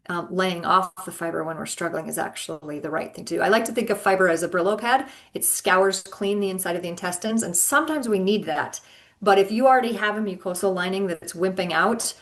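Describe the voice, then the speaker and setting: A woman's voice: on the low side, a bit bright. A woman health coach giving advice as a podcast guest, explaining in an earnest way with frequent ums. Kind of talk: advice in casual interview.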